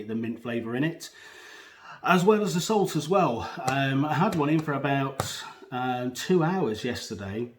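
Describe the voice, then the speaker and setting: A man giving a casual, unscripted product review in a hesitant, rambling way, talking with a pouch tucked under his lip. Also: medium pitch. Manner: hesitant, rambling, self-correcting. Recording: echoey room.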